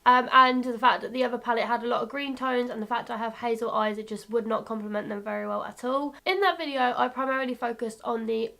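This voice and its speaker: Woman, 22, beauty vlogger; higher voice, gravelly and croaky, bubbly, chatty, laughs at herself. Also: steady tone, fast, hardly any pauses, pushed and bright. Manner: bubbly, chatty, self-mocking. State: croaky, coming down with a cold. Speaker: beauty YouTuber. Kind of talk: casual makeup tutorial chat.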